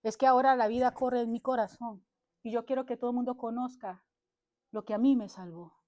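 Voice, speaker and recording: A high-pitched woman preaching with fervor, exhorting her listeners and driving each point home. She punctuates nearly every thought with "amén", and her delivery is that of a passionate sermon streamed to an online congregation. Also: steady tone, brisk, a little mellow. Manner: emphatic, punctuates phrases with "amén". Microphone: livestreamed to social media.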